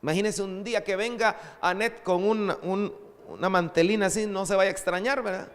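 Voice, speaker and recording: Animated male pastor preaching in hall. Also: sits high, moderate pace. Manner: lively, conversational preaching with asides to the congregation. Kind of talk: sermon.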